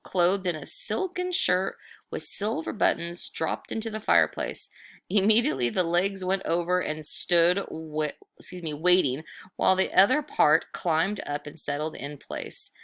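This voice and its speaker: Reading to children, this female storyteller uses a low, creaky voice and an unhurried pace. She draws out particular words for effect, keeping the telling dramatic and expressive.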